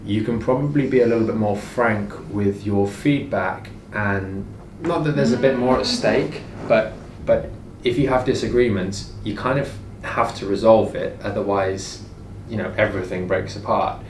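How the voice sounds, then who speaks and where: A man's voice: fairly low pitch, moderate pace, few pauses. A man co-hosting a casual conversation, explaining his views in a conversational way. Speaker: co-host, business owner. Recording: echoey room, distant mic, background noise.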